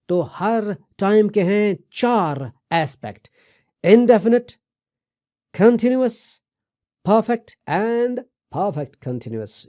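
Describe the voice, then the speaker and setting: Male tutor, a touch high-pitched and warm, patient and repetitive, hammers key terms home. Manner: patient, repeats key terms with slow emphasis; reassuring, asks viewers to remember. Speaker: English teacher. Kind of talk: explanatory video lesson.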